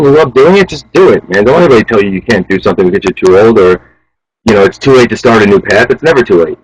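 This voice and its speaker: A man in his thirties, a chef interviewed as a guest, talking casually and urging people on in a fast, animated way. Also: mid-range voice, no echo, rough recording. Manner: fast, animated, motivational, says "man" a lot.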